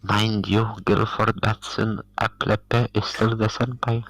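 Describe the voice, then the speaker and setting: A man's voice: fairly low pitch, level tone, unhurried, creaky, a bit bright, a little hiss or hum, rough recording. A young man in a casual voice chat who giggles and keeps cutting in with "wait".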